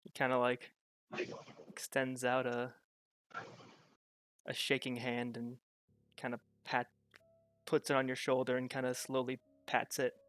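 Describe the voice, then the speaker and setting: Unhurried game master narrating a tabletop scene, halting and filler-heavy, with music in the background. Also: medium pitch, monotone, fairly bright tone.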